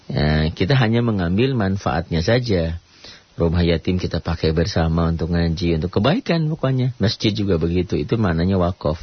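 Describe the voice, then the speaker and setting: Low-voiced Indonesian man teaching Quran recitation. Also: breathy edge, dry recording. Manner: explains casually, breaks into slow melodic Quran recitation. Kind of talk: radio tajwid lesson. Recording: dull lo-fi radio recording.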